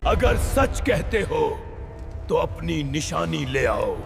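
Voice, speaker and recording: A man's voice: a little high, big pitch swings, creaky, music in the background, heavily acted. Pharaoh, a man doing a scornful tyrant king. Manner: scornful, commanding. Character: arrogant mocking tyrant king, adult man.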